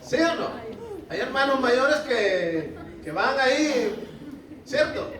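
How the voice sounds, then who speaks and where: A man's voice: extremely high pitch, animated, takes it slowly, a bit bright, heavy reverb, far from the mic, low-quality recording. A male pastor preaching a sermon in a conversational way, often asking the congregation to respond. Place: church hall.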